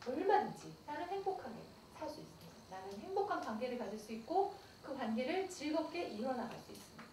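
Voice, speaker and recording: A middle-aged pastor's wife giving a playful, confiding church camp lecture on dating in a large hall. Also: female voice, high voice, very animated, quick pace, darkish tone. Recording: echoey hall, far mic, noisy.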